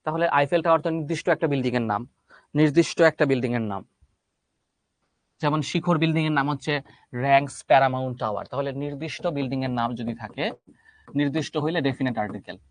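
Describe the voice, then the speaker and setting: A man's voice: mid-range voice, quick pace, no echo. A man teaching an English grammar class online, explaining step by step and asking and answering his own questions.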